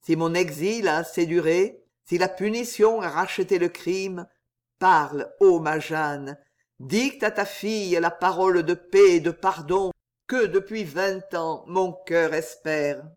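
A man's voice: high voice, measured pace. A man voicing a remorseful aging nobleman in an audiobook, speaking with fervent humility. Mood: pleading. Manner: humble, fervent pleading. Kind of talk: audiobook character voice.

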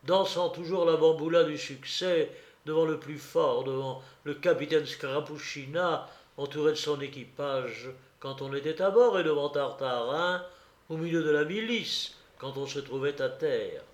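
A man reading a classic novel aloud, slow and deliberate, with an occasional hesitation. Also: fairly high pitch. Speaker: reader. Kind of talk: audiobook narration of a classic novel. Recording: roomy echo.

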